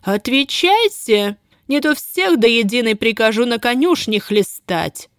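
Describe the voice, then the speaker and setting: Woman reading doing a nasty bossy lady manager, thin cutting shrill voice, sneers at everyone, pitched way up. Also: animated, unhurried, no echo, clean studio sound. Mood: imperious, scornful. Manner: contemptuous, barking orders. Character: cruel imperious female estate manager, shrill. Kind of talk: audiobook character voice.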